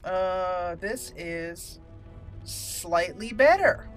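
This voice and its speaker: A woman hosts a let's play on her gaming channel, offering casual commentary and thinking aloud as she plays while game music runs underneath. Her voice is fairly low in pitch and expressive, and she speaks extremely slowly.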